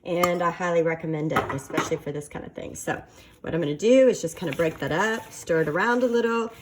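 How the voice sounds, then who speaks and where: A woman hosting a casual cooking demonstration, talking in a halting way with many fillers and playful, flirty asides. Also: on the low side, a little hiss or hum. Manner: halting, filler-heavy delivery. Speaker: cooking video host.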